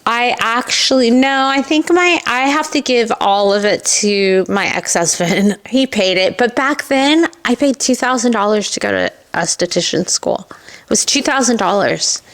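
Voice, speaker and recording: Here the same candid Californian guest, a middle-aged esthetician and business owner from Southern California, recounts her story in a conversational podcast interview. Her voice is a little high and her pace moderate, and she animatedly voices the remarks she recalls.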